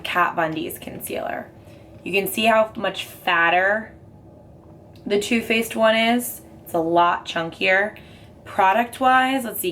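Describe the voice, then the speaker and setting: A young woman with a hoarse, raspy voice from a cold, chatting casually through a makeup review with lots of fillers. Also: fairly low pitch, fairly bright tone, slight background noise. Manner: chatty, rambling with many fillers. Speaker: beauty vlogger.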